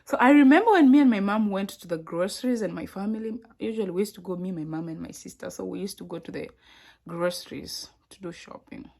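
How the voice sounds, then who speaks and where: A young Kenyan woman talks straight to her viewers in a casual vlog. Her Kenyan accent is clear, and she keeps the delivery animated, exclaiming and laughing as she chats. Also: mid-range voice, fast. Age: young adult. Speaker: vlogger. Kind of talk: casual vlog talk to camera.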